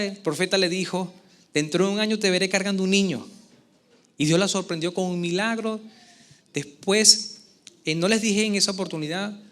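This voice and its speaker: A man preaching a sermon as pastor to a church congregation, with expressive delivery and frequent questions to the listeners. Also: high-pitched. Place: church service before a congregation.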